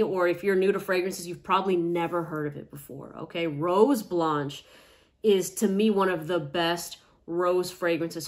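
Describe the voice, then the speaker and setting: A woman chatting casually in a product review vlog, emphatic, tagging her points with "okay?". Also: on the low side. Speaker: fragrance reviewer.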